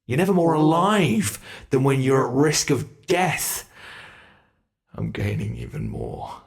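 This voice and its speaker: Here a man plays an ancient monster for ASMR, a gravelly, cruel predator who toys with its prey. His mid-range voice swings hugely in pitch and is heavily acted, yet he keeps a slow, deliberate pace and keeps slipping into close, threatening whispers.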